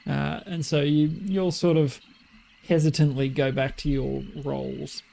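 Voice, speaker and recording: A man's voice: on the high side, level tone, unhurried, vocal fry, warm tone, poor audio. An Australian man playing a tabletop game, chatting playfully. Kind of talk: casual table chat.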